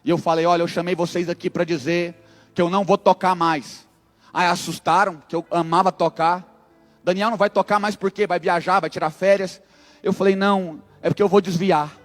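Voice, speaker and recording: High-voiced man preaching a dramatic testimony. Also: little pitch movement, a little fast, big-room sound, soft background music. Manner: dramatic storyteller, acts out dialogue, humorous asides. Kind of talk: sermon testimony storytelling.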